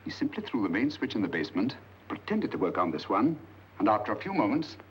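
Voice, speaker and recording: An actor playing a brilliant, commanding detective with a crisp, incisive delivery, on a dull 1940s film soundtrack. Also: male voice, on the low side, sing-song, fast talker, a little hiss or hum. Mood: deducing.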